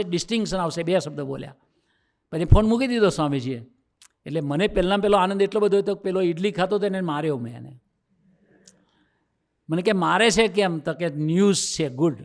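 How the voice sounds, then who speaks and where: A man with a Gujarati accent, a swami, gives a youth sermon as a personal story, acting out the dialogue and rising into emphatic preaching. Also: high voice. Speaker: swami giving a youth discourse.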